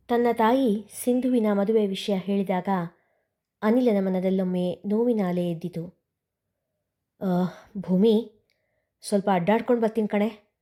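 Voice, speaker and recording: A woman narrating a family story serial in a calm, steady reading voice. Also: mid-range voice.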